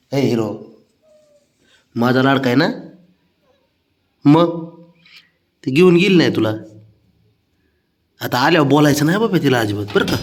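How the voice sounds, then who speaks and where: A man's voice: mid-range voice, reverberant. A man talking casually to his pet cat, coaxing and teasing it with cooing nicknames. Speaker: cat owner.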